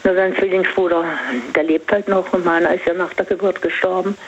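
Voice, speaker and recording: An older woman calling in, confiding personal matters in halting phrases with pauses. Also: lowish voice, flat delivery. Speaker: caller. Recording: dull phone line.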